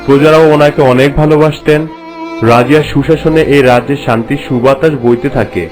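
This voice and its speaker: A man with a medium-pitched voice and fairly even intonation, speaking a little fast and close to his everyday voice, voices a cartoon courtier. Respectful and solemn, the character formally narrates explanations to his queen in scripted dialogue over background music.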